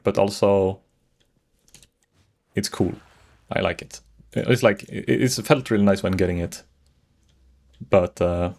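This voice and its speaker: A Swedish man streams a game and rambles casually to his viewers in a fairly low, gravelly, darkish voice. He's chatty, greets people, and keeps restarting his sentences.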